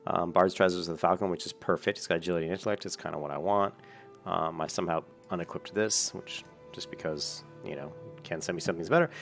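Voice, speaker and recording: Deep gravelly-voiced man chatting casually. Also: fairly even intonation, fast, faint music behind. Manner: chatty, rambling, self-correcting. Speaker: gaming channel host. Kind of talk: casual gameplay commentary. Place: home room at a large desk. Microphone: desk mic.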